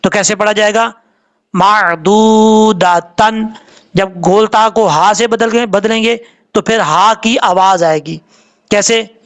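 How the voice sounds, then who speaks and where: In Urdu with a Pakistani accent, a man gives a tajweed lesson, drilling words slowly letter by letter and chanting verses in long, drawn-out notes. His voice is high-pitched and a bit bright.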